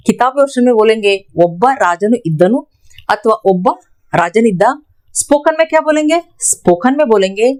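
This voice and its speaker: Woman, language teacher, spoken lesson, slightly high voice, patient repetition. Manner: slow, repeats example phrases for learners.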